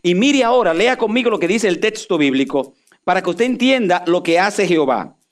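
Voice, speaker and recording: A man preaching a sermon, swinging from loud emphatic peaks down to low asides. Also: expressive, brisk. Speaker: pastor.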